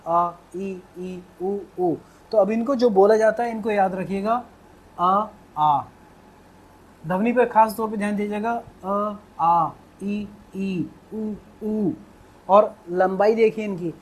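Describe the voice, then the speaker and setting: A man teaching Hindi in a video lecture, speaking directly to viewers and patiently repeating each vowel sound slowly. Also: sits high, darkish tone.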